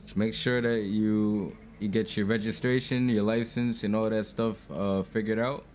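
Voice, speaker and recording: A man's voice: lowish voice, fairly even intonation, normal speed, darkish tone, a little hiss or hum. A man roleplaying a police officer, speaking in formal, polite cop patter. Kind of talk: in-character roleplay.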